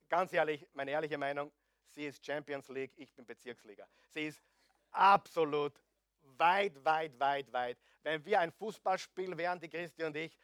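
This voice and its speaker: A middle-aged man preaching a sermon, joking with the congregation and swinging between loud emphasis and hushed asides. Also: fairly high pitch, no echo, clean studio sound. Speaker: pastor.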